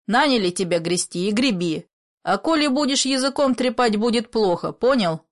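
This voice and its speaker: A woman voicing a menacing grown male smuggler who gives curt orders and hisses threats in a low whisper. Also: animated, moderate pace, lightly acted. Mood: threatening.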